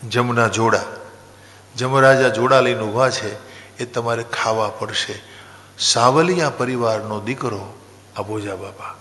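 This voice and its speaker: A man's voice: medium pitch, a little slow, pauses often, a bit bright, in a large hall. A man from Junagadh, Gujarat, telling a devotional story as a katha preacher, chanting verses and then explaining them.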